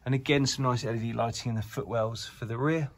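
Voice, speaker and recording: Talking fast in a steady, medium-pitched voice, a car dealer presents a used car in an indoor showroom, with a little hiss or hum in the recording. He films the casual walkaround on a handheld camera as he walks, full of upbeat sales patter.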